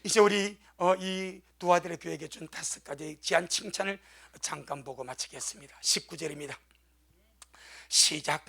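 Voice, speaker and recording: A middle-aged man preaches with a bright, gravelly voice set unusually high. He tells homely stories and swells into blessings with strong emphasis. The delivery stays warmly folksy between the peaks. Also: moderate pace. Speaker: pastor. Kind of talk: sermon.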